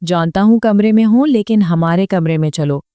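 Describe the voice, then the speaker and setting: A woman performs the part of a proud, brooding young man, the hero of a romance audiobook, shifting from stern to tender while keeping her own natural pitch. Her tone is warm, the acting light, and the recording dry.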